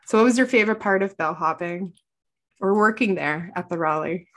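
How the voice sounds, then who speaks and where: A woman's voice: medium pitch, fairly quick, a bit bright. A woman interviewing an older man for an oral history, encouraging him with short follow-up questions.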